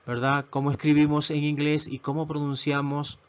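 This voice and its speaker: A man teaching a video lesson who talks slowly and patiently, repeating words and often checking in with his listeners. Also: on the high side, completely flat delivery, smooth, muffled recording. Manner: slow, repetitive, asks "¿verdad?" often. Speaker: English teacher.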